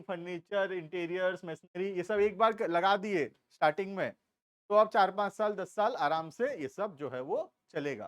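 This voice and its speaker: A man with an Indian accent teaching a commerce class, explaining slowly and stopping to check that students follow. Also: high-pitched, no echo, clean studio sound. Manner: explains slowly, asks checking questions, drawls key terms. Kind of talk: classroom lecture.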